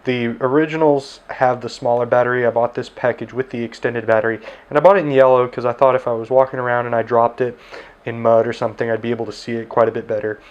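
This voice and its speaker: Sitting at his desk indoors, a ham radio operator and tech reviewer casually reviews a handheld radio, using plenty of filler words. His medium-pitched voice is flat and quick, and the recording sounds muffled.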